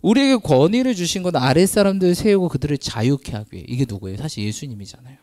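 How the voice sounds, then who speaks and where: A man's voice: fairly high pitch, big pitch swings, quick pace, warm tone, no echo. A male pastor giving a sermon in a conversational preaching style, asking the congregation rhetorical questions and laughing now and then as he talks. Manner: laughs often mid-sentence.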